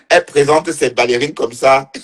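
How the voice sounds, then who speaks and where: A man's voice: medium pitch, a little slow, a bit bright. A man giving casual livestream commentary, teasing and mocking as he talks, laughing often and repeating phrases. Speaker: online commentator.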